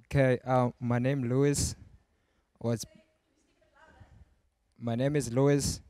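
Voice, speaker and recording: Slow guy in his twenties, mellow and hesitant. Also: mid-range voice, little pitch movement, no room sound. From South Africa. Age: 20s. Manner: slow, hesitant, many fillers. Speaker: audience volunteer.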